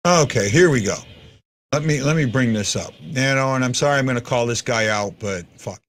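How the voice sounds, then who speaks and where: With no room sound in the audio, a man in his fifties speaks fairly quickly in a medium-pitched voice. He hosts a hockey fan show as a casual livestream, bluntly and repetitively responding to viewer comments.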